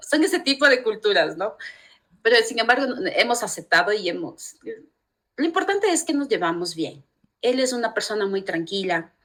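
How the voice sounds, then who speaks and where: Chatty Ecuadorian mother telling stories. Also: mid-range voice. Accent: Ecuadorian Spanish. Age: middle-aged. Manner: warm storytelling with many restarts. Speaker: interview guest, mother. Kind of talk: casual interview talk.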